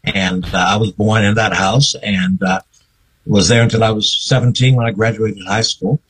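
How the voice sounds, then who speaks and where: An older man, a guest on a radio interview, telling his life story slowly and reflectively. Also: lowish voice, steady tone, husky, low-quality recording. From North Carolina, US. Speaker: guest, veteran newsman.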